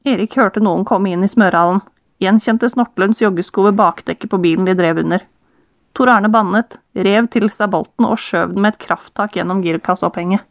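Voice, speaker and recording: A woman reading a novel aloud as audiobook narrator, in an even, steady manner. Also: mid-range voice, no room sound. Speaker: audiobook reader. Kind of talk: storybook narration.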